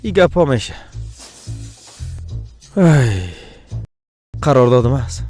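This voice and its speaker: Dub role: a man voicing a stubborn, demanding man, mid-pitched voice. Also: expressive, darkish tone, soft background music, close to an everyday voice. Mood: insistent.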